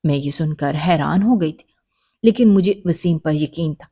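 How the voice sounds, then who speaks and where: Warm, low-voiced woman narrating a story. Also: breathy edge. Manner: dramatic, emotional storytelling. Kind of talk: first-person story narration.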